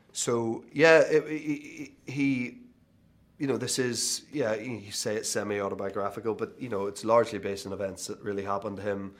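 A man in his thirties with a Northern Irish accent, a guest speaking casually in an interview with many fillers and restarts. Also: lowish voice. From Northern Ireland. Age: 30s. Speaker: actor guest.

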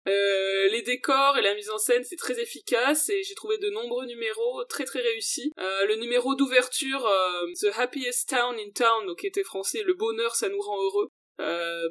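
A woman co-hosting a casual podcast about musicals, lively and opinionated, with fillers. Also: on the high side. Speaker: podcast co-host.

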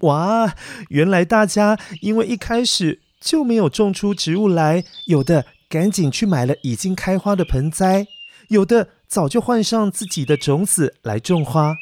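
This children's story podcast host has a high, somewhat dark voice with lively intonation and a normal speed. He narrates the story while coaxing and explaining things to his young audience.

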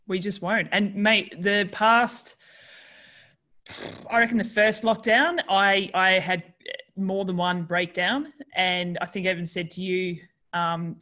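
A woman hosts a podcast in a relaxed, casual conversation. She talks in a chatty way, with frequent fillers and restarts. Her voice sits at a middling pitch for a woman. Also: slow. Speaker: podcast host.

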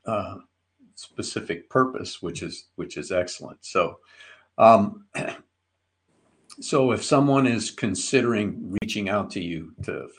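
A man hosting a business interview podcast, asking questions in a relaxed, folksy way with fillers. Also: on the low side, takes it slowly. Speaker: podcast host.

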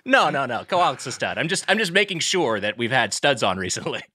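A man co-hosting a podcast in casual chat, offering dry, measured asides. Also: mid-range voice, big pitch swings, bright, forceful tone, no room sound. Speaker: podcast co-host.

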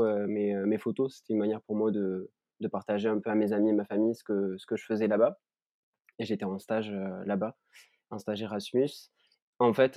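A man in his twenties with a southern French accent, a guest on a remote podcast, speaking thoughtfully with many pauses and restarts. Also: lowish voice, mellow, dry recording, muffled recording. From southern France, Ariège. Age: 20s. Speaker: guest, content creator. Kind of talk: reflective conversational storytelling. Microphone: remote recording.

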